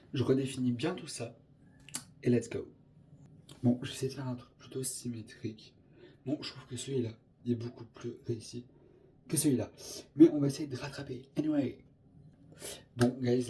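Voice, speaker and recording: A young man rambles through a casual makeup tutorial, his voice sitting at an ordinary middle pitch. He keeps slipping English filler words into his chat. Faint background noise sits under the recording. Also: warm tone. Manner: chatty, scattered, peppered with English filler words. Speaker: makeup vlogger.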